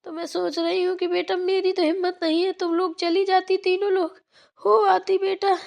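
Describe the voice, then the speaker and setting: An elderly cartoon mother-in-law, voiced by a woman, coaxes and pleads in a motherly tone. Her voice is high and gravelly with a rough fry. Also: level tone, normal speed, a little mellow. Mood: coaxing. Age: older. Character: older village mother-in-law, caring and coaxing. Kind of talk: cartoon voice acting.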